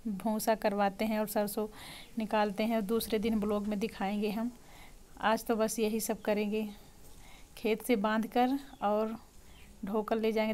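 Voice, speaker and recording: A woman chatting casually to her viewers from her farm fields, laughing often and calling them friends. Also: medium pitch. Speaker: vlogger. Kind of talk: casual village vlog chat. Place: outdoors in farm fields, windy. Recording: loud outdoor noise.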